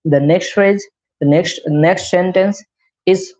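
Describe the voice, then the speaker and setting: This young Indian English speaker has a high, slightly mellow voice and talks slowly. He's running a beginner English class over a live stream, explaining every step and frequently checking with "right?". The audio is lo-fi and a bit dull.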